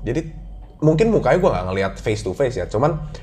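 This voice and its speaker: A man's voice: mid-range voice, brisk, a little hiss or hum. A young man with a Jakarta accent, animatedly telling a childhood ghost story in a casual podcast chat. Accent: Jakarta slang. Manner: animated storytelling, acts out his own childhood voice. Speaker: guest storyteller.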